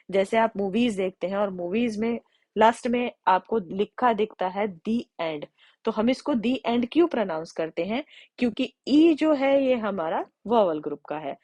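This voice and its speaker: A woman's voice: medium pitch, a little mellow, no room sound. Patient woman teaching grammar, dry sound. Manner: explains step by step and slows down to read English example sentences; checks in with the listener often. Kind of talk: explanatory lesson to students.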